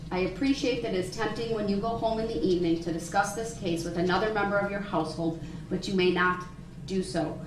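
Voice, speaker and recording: Firm woman judge in a courtroom recording. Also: medium pitch. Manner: firm, measured, procedural. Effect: courtroom recording played back. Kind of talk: formal courtroom instructions and rulings. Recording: echoey, distant, noisy courtroom recording.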